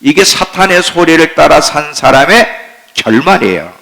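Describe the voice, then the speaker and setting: A male pastor preaching a sermon, plain-spoken and putting questions to his listeners. His voice is somewhat high, gravelly, and bright with a forceful edge. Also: animated, normal speed, poor audio.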